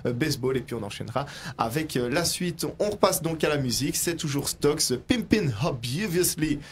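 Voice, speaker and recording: A man's voice: medium pitch, brisk, slight background noise. Hesitant radio host, man. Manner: hesitant, frequent fillers; reads listener comments aloud. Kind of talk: live radio chat.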